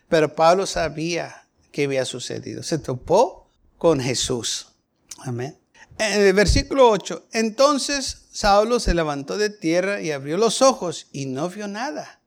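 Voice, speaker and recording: A man's voice: high-pitched, vocal fry. A man preaching a Bible study sermon, going through the passage verse by verse and asking his listeners questions.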